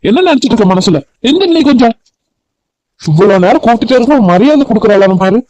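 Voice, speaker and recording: Cartoon dad voiced by a man, quick scolding talk, mellow tone, dull lo-fi sound. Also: extremely high pitch, animated, dry recording. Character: bossy middle-aged village father.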